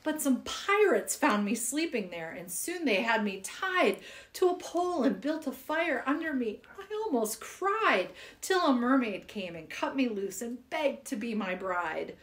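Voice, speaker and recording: A woman's voice: a little high, big pitch swings, unhurried. A woman reading children's poems aloud in a playful, giggly way. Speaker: poetry reader.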